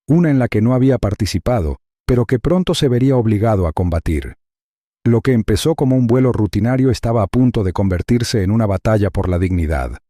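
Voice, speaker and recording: A man narrating a scripted dramatic story in a grave, even way. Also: on the low side, no echo, studio quality.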